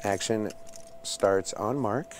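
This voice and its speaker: A man giving hushed live poker commentary, calling each action in a measured way. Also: fairly low pitch, slight background noise.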